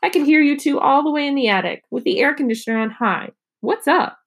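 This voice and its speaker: A woman's voice: mid-range voice, moderate pace, close to an everyday voice. A worried mother calling out sharply, as a woman reading a storybook puts her on. She sounds tired underneath. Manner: sharp calls, weary.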